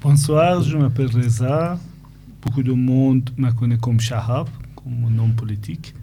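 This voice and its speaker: A man speaks as a guest activist on a radio show in a studio. He talks haltingly and stops to search for words. His timbre is very dark and his pitch is flat and monotone. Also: a little hiss or hum. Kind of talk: radio interview.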